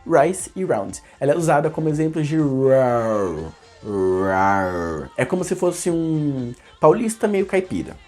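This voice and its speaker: A man's voice: on the high side, dark tone. A man giving a casual online English lesson, explaining in a rambling way and often correcting himself mid-sentence.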